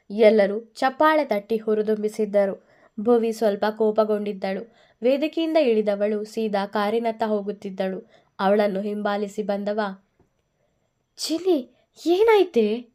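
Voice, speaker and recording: A woman narrating a romance serial story in a scripted, even way. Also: mid-range voice, moderate pace.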